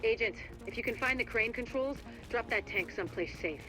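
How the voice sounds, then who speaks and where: An actor as a brisk mission handler. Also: mid-range voice, over music, close to an everyday voice, low-quality recording. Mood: businesslike. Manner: businesslike, giving instructions. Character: brisk mission handler giving agents orders. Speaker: mission handler in a video game.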